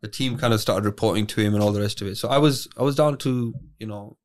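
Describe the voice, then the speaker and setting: Fast-talking Bradford man of forty. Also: lowish voice. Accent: British, Bradford. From Bradford, England. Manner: informal, peppers talk with "bro" and "man". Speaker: guest, former charity chief executive. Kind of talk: casual group chat.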